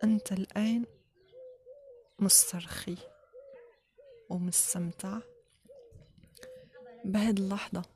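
A woman with an Algerian accent guides a meditation in a soft spa-like hush that often slips into whisper. She speaks in short, spaced phrases at a medium pitch. Clear background noise sits behind her voice. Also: steady tone. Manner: unhurried, with pauses between short phrases. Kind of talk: guided relaxation meditation, slow instructions.

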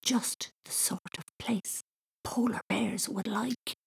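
A woman voicing an eager, imaginative young boy who whispers and shouts breathlessly. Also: lowish voice, lively intonation, a little slow, husky, heavily acted. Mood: hushed awe.

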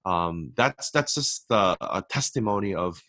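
On a faith podcast, a young Korean-speaking author talks earnestly in a low, expressive, bright and forceful voice, unhurried, captured in dry, studio-quality sound. In this interview he restarts and repeats words whenever he gets emphatic.

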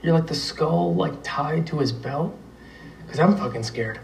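A man's voice: a little high, creaky, a little hiss or hum. An actor playing a brash, cocky man who mockingly needles a cornered friend, in a TV drama clip. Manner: mocking, crude, fast needling. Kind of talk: TV drama dialogue. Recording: roomy far-off clip with faint background ambience.

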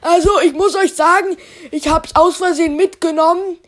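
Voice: very high voice, fairly even intonation, a bit bright. Eine junge Stimme spielt einen tollpatschigen, begriffsstutzigen Jungen, der zögernd und mit vielen Ähs spricht. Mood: apologetic. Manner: slow, hesitant, full of fillers. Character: clumsy dim-witted boy thief Spike. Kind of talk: improvised fan story voicing.

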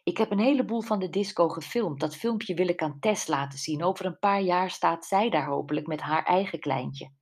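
A woman's voice: fairly low pitch, moderate pace, hardly any pauses, breathy edge. A woman voicing Andy, an eager, jokey husband, in an audiobook. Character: cheerful caring husband, man.

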